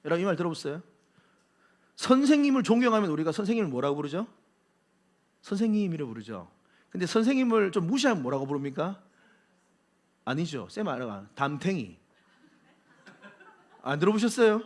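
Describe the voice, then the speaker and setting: A male pastor preaching a sermon in an animated way, joking with the congregation and acting out quotes. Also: high voice, fast, long pauses. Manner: jokes with congregation.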